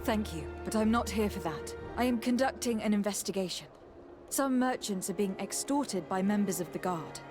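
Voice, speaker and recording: Over background music, a woman speaks at a moderate pace in an animated, natural, medium-pitched voice. She plays a video game's protagonist, a noble legate who interrogates people firmly, formally and with composed authority.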